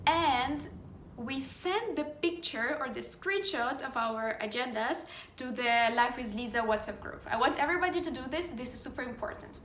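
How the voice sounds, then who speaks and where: A woman's voice: high voice, moderate pace, a bit bright, a little hiss or hum. Upbeat British-accented woman, echoey room. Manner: upbeat, encouraging, many "like" fillers. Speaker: life coaching program host. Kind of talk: motivational vlog talk to followers.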